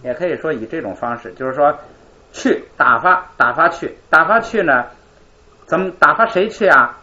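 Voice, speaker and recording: A man's voice: fairly high pitch, lively intonation, moderate pace, pushed and bright, lo-fi sound. A male teacher explaining grammar in a live class, asking questions and answering them himself.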